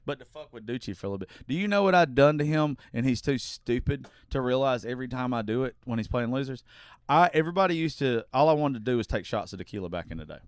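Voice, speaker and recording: A man's voice: medium pitch, expressive, quick pace, smooth, no room sound, studio quality. A man telling crude, profane stories in casual podcast chat, laughing often. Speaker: podcast host or regular.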